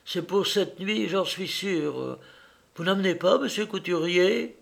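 A man voicing a frightened old spinster landlady who cries out in high, anguished exclamations. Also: unhurried, creaky, fairly bright tone, exaggerated voice. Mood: worried.

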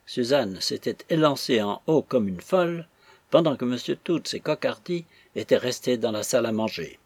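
Male narrator, husky voice, dry close sound, measured reading. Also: mid-range voice, expressive, no echo. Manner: measured storytelling. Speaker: audiobook narrator. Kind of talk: scripted narration of a novel.

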